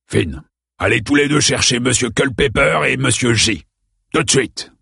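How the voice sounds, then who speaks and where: A man voicing a menacing male gang thug with a knife, talking in gruff, threatening street slang with a gravelly, husky voice. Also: mid-range voice, normal speed, bright, forceful tone, no echo, studio quality, exaggerated voice. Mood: scornful.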